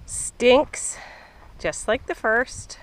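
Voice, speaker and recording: A woman's voice: fairly high pitch, animated, extremely slow, slight background noise. A woman from Canada narrating a family travel vlog outdoors with eager exclamations about the view. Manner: enthusiastic, exclaiming. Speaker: sailing family member.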